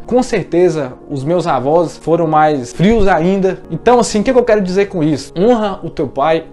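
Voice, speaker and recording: Earnest Brazilian man, testimony, soft music. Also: high-pitched. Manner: earnest, emotional storytelling with repeated words. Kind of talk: personal testimony talk.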